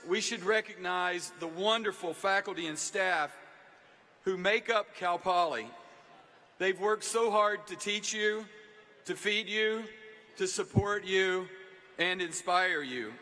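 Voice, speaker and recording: Man, university leader, rousing commencement address; high, very bright voice with long hall reverb. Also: slow pace. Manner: rousing, addresses the crowd directly with calls to stand and cheer. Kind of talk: commencement speech to a large audience. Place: large packed venue.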